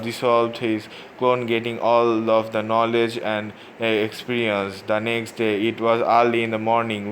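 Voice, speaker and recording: A man reads a fan story aloud in a low, flat voice. He stumbles often, with frequent fillers and restarts. The reading is unpolished and casual. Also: slight background noise. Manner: halting, many fillers and restarts. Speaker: fan fiction reader.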